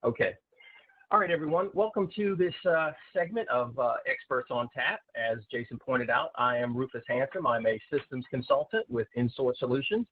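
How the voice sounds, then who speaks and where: A man giving a software webinar as a systems consultant, halting with many filler sounds, his voice heard through a recorded online meeting. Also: medium pitch, breathy edge, no room sound. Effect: voice heard through a recorded online meeting's screen-share session. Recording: tinny, dry online-call audio.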